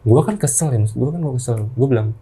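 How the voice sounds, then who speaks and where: Guest storyteller, thirties, mid-pitched man, halting slangy delivery. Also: warm tone, breathy edge. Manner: halting, unhurried, with slangy asides. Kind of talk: casual ghost-story telling.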